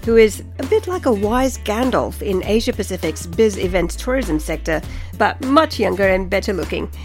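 A woman hosts an interview podcast in a presenting, questioning style. Her voice is mid-pitched for a woman, with some music in the recording. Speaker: podcast host.

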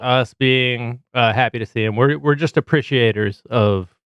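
Male co-host, smooth clear voice, relaxed banter, dry close sound. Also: mid-range voice, moderate pace, no room sound, highs cut off. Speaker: podcast co-host. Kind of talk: casual banter.

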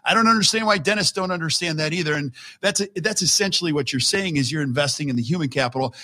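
A man's voice: a little high, fast, sharp tone. A man of fifty hosting a podcast interview in a chatty, agreeable way. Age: 50s. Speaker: podcast host.

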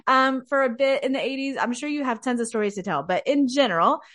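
A woman's voice: high-pitched, quick pace, a bit bright. Gushing woman podcast host. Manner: enthusiastic, gushing. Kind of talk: podcast interview.

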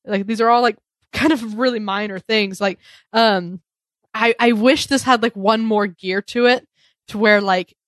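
A woman chatting on a podcast in a casual, laugh-prone way, dropping "like" constantly. Her voice sits at an ordinary middle pitch. The sound is close and dry, with no room around it. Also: fairly even intonation, a little slow, a bit bright, no echo. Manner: chatty, laughs often, many "like" fillers. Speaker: podcast co-host reviewing sketch comedy. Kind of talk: casual chat.

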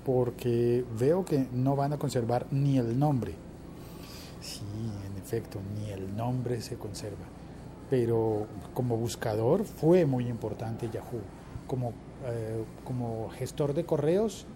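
A man's voice: medium pitch, noisy background. A man co-hosting a casual tech podcast, reading listener questions and joking around. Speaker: podcast co-host.

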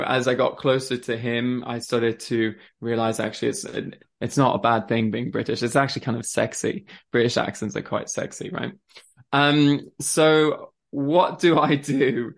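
A man who grew up in France, a guest on a podcast, talking openly and casually with lots of fillers. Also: medium pitch. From born in Switzerland, grew up in France. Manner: open and chatty, frequent ums and fillers. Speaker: podcast guest, limiting belief coach. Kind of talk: casual conversational storytelling.

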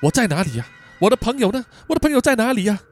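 A man voicing a frightened young woman student who softly pleads and coaxes. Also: high-pitched, very animated, rapid-fire, no echo, faint music behind, pitched above the performer's own voice. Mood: anxious. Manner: soft, pleading, coaxing.

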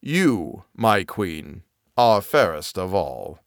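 A man doing a slow, solemn magic mirror. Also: low voice, big pitch swings, no echo, studio quality, voice pushed down, heavily acted.

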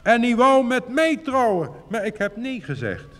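A man's voice: lowish voice, wildly swooping pitch, takes it slowly, a bit bright, voice pushed down, full character voice. Pretty young lady frog, a man putting her on. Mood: surprised. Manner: surprised, exclaiming. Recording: reverberant recording with faint hiss.

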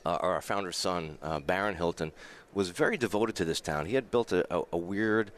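A man's voice: deep voice, fairly quick, fairly bright tone. A man with a New York accent from the Bronx, a hotel general manager speaking as a radio guest, telling history with frequent stammered restarts.

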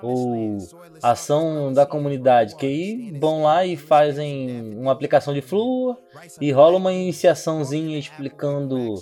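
Mellow Brazilian man chatting on a podcast. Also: on the high side, moderate pace. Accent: Brazilian Portuguese. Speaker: podcast co-host. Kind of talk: casual podcast chat.

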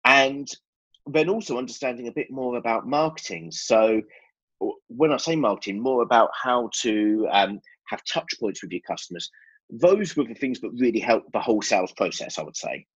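A man's voice: mid-range voice, lively intonation, normal speed, husky, highs cut off. A man with an Essex accent giving candid, explanatory answers as a guest in a conversational interview. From Essex, England. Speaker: podcast guest, business owner.

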